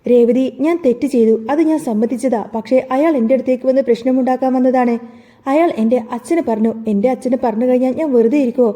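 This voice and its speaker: A woman's voice: sits high, quick pace, warm tone, long reverb tail, close to an everyday voice. A woman voicing a hot-tempered young man in a storybook narration, talking in an angry, defiant way.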